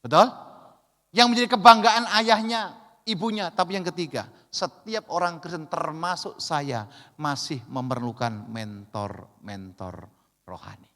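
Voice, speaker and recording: Middle-aged Javanese-accented pastor, bright forceful voice, lively jokey sermon that swings from loud to hushed, long church-hall echo. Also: male voice, a little high, unhurried. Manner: animated and joking, swinging between loud calls and quiet asides.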